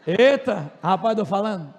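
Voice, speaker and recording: A man with a Tocantins Brazilian accent teaching a class in a joking way, talking loud and fast with asides to his students. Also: sits high, lively intonation. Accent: Brazilian Portuguese, Tocantins region. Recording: long reverb of a classroom.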